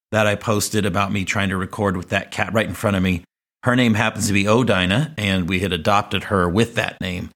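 A man's voice: fairly low pitch, fairly bright tone. Reflective man in his forties reminiscing. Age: 40s. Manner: reflective, rambling with restarts and asides. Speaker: podcast host. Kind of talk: personal storytelling monologue.

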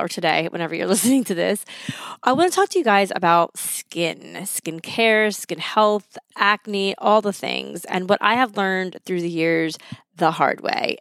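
A woman's voice: fairly low pitch, smooth, dry recording, clean studio sound. A woman in her thirties hosting a solo podcast, talking in a chatty, conversational way from her home. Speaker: podcast host. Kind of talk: casual solo podcast talk. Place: indoors at home, recorded in a basement.

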